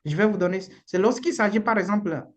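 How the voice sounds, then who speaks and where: A woman's voice: mid-range voice, fast talker. A woman lawyer with a Beninese accent gives informal, frank advice in a live online session, using the odd blunt slang word. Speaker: immigration lawyer.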